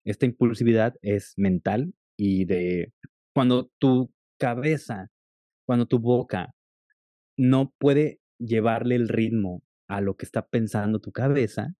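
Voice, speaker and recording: A man talks fast and with animation as a podcast guest. His voice is dark and mellow, recorded close and dry with no room sound. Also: lowish voice, no room sound. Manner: fast-talking, animated storyteller. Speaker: guest, content creator on attention deficit. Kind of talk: casual interview chat.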